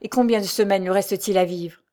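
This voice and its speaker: A woman's voice: mid-range voice, steady tone, fast, dark tone, natural voice. A woman reading the part of a young nobleman, ardent and pleading, pressing with urgent questions.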